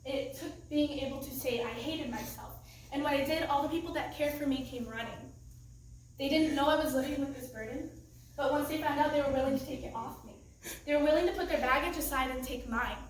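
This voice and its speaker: A woman's voice: high-pitched, fairly quick, slight background noise. A teenage girl giving an earnest, emotional testimony talk at a church youth group, laughing nervously between lines. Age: teens. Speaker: youth group student speaker. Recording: echoey room, mic far off.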